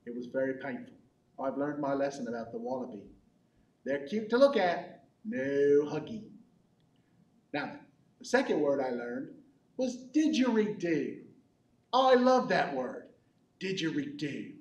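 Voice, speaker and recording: A man playing a goofy, bumbling croc-hunting adventurer for a kids' comedy skit, rambling with deadpan jokes. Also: a little high, unhurried, long pauses, lo-fi sound. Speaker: children's ministry skit character. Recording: echoey hall from far off.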